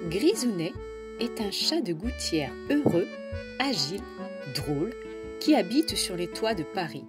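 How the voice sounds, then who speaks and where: A woman narrates a children's storybook with lively, swooping expression. Her voice sits at a medium pitch but moves a lot. Music plays clearly underneath her reading. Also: a little slow. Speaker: storybook reader. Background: background music.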